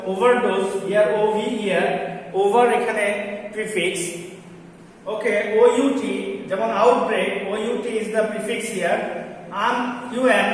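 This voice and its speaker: Bangladeshi guy teaching english, high voice, spells letters out one by one, faint noise behind. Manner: spells out letters slowly, mixing Bengali and English. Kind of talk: classroom grammar lesson. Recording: echoey hall, distant mic, faint noise.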